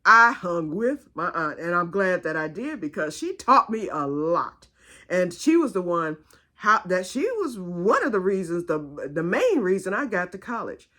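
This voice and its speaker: A woman's voice: fairly low pitch, sing-song, a little slow, pushed and bright. A woman vlogger chatting casually about her crochet project, drifting into family stories as she goes. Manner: rambling, digressive storytelling. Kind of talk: casual chat.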